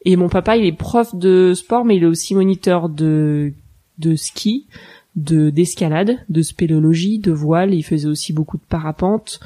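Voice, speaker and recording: A woman in her thirties from Haute-Savoie, France, a mountain guide and rescuer, tells her story as an interview guest. She speaks casually and modestly in a lowish, mellow voice at a moderate pace.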